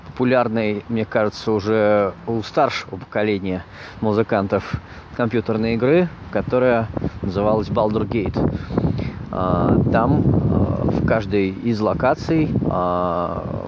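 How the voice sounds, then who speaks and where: A man hosting an informal podcast monologue, speaking haltingly in broken phrases as he searches for words. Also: on the low side, darkish tone, a little hiss or hum. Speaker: podcast host.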